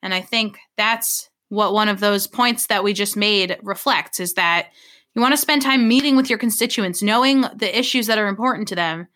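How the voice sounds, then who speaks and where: Co-hosting a podcast, this young woman from Portland, Maine, talks in an earnest, easygoing way, punctuated by sighs and laughter. She speaks at a moderate pace in a medium-pitched voice that sounds pushed and bright.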